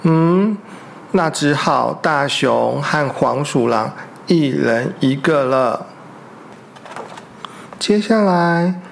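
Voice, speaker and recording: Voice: mid-range voice, gravelly. A storyteller, reading a picture book aloud to young children and asking them questions. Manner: slow, gentle, asks the children questions.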